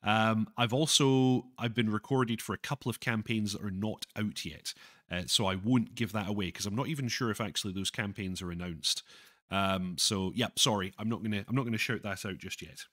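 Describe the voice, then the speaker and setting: Halting, chatty man with a lowish voice. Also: fairly bright tone. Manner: chatty, self-deprecating, halting with many restarts. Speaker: livestream host reading chat. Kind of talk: casual live-stream chat.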